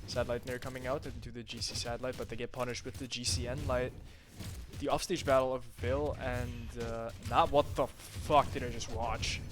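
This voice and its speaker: Male esports caster, rapid excitable play-by-play, mid-range voice, loose and profane with chat. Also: medium pitch, background noise. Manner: rapid, excitable calls with frequent fillers and casual swearing; loose, chatty asides to the stream chat between games. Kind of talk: live play-by-play game commentary.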